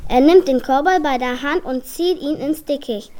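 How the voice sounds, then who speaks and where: A woman reading a children's story aloud with lively, clear storybook delivery. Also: high voice, moderate pace.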